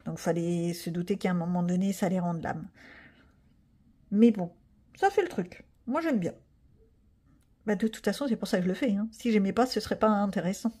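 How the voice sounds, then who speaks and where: A woman's voice: mid-range voice, moderate pace, pauses often, dark tone, slightly rough. A woman vlogger chatting casually to viewers while she colors, with chatty self-mocking asides.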